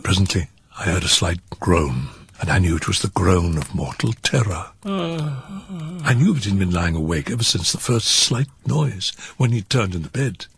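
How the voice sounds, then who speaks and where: Gravelly, unhinged murderer, fireside storytelling. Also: male voice, lively intonation, fairly bright tone, exaggerated voice. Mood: grim, hushed. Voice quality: low gravelly voice breaking into whispers and high cackles. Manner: theatrical, drawn-out words, sudden swings in pitch and pace. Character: unhinged, gleefully cunning murderer confessing his crime. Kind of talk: dramatic fireside storytelling of a gothic horror tale.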